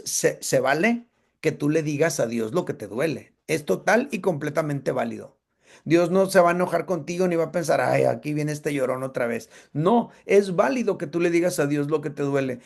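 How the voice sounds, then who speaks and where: Male Bible class teacher, fairly high, gravelly, casual and conversational. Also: moderate pace. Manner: conversational, checks in with listeners.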